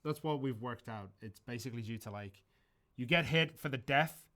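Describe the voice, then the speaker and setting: Answering viewers' game questions on a livestream, a male community manager talks casually and wanders through his explanations with lots of ums and false starts. He speaks at normal speed in a medium-pitched, sharp-toned voice.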